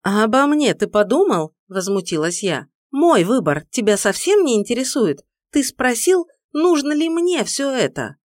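A woman's voice: a little high, sing-song, unhurried, few pauses, no room sound, studio quality, pitched above the performer's own voice. A woman voicing a young orphan heroine, agitated and pleading in tense outbursts. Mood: indignant.

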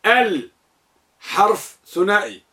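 High-voiced man teaching a class. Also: slow. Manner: quizzes students and repeats their answers; lists items in a steady recital. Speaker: grammar teacher. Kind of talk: classroom lesson.

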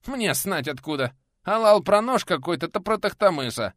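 Audiobook: a man voicing a menacing medieval warrior with slurred rustic speech, higher and lively. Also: normal speed, dry recording, clean studio sound. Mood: grumbling.

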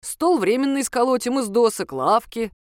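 A woman reading the part of an older grandfather who talks gently and mildly scolds, in an audiobook. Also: on the high side, lively intonation, moderate pace, dry recording, studio quality, pitched above the performer's own voice, close to an everyday voice. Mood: fond. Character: older grandfather, kindly, embarrassed. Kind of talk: audiobook character voice.

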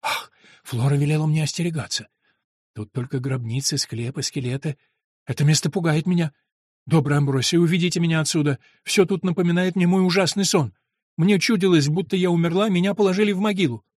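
A man's voice: on the high side, dry recording, clean studio sound, lightly acted. A man voicing a frightened pleading young woman. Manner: pleading, rising to alarm.

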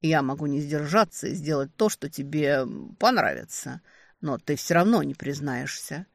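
A woman voicing a brooding, seductive male demon in an audiobook, speaking low and hushed with a hoarse menace. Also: expressive, moderate pace, no room sound, clean studio sound, exaggerated voice. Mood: serious.

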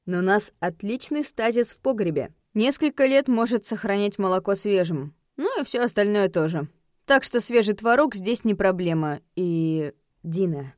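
A woman's voice: expressive, dry recording, studio quality, lightly acted. Woman reading as a sly purring werewolf husband. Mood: calm, insistent. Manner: purring, teasing, slow and low. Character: flirtatious sly male werewolf husband, teasing.

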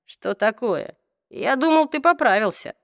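A woman voicing a young male warrior with an even, faintly mocking tone. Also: a little high, a little slow, dry recording, studio quality, pitched above the performer's own voice. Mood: dry, mocking.

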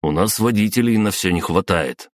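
A serious, dutiful male assistant, voiced by a man reading an audiobook, talking in a clipped, businesslike way. His voice sits noticeably higher than the reader's own low register. The sound is close and dry, with no room around it. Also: normal speed, dry recording, natural voice. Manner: restrained, businesslike. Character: serious loyal male assistant, former taxi driver. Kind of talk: audiobook character voice.

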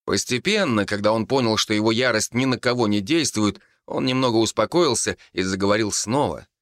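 A man narrating an audiobook with expressive storytelling. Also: on the low side, fairly quick, no room sound, studio quality.

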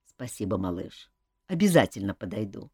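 A woman's voice: very deep voice, very animated, moderate pace, dark tone, slightly rough, dry recording, clean studio sound, voice pushed down, exaggerated voice. A woman reading an audiobook, voicing a sardonic young king who needles his cousin dryly and insistently. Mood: gentle.

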